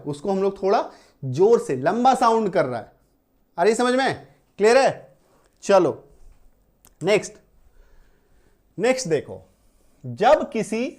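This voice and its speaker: A man's voice: high voice, a little mellow. A man teaching an English spelling lesson, spelling words out letter by letter, repeating each rule and often checking whether it is understood. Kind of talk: classroom-style spelling lesson.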